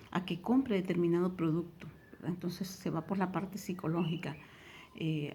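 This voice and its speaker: A woman's voice: lowish voice, gravelly, warm tone, slight background noise. A middle-aged woman with a Honduran Spanish accent, teaching a recorded tutoring lesson and explaining step by step, often checking in with a question tag.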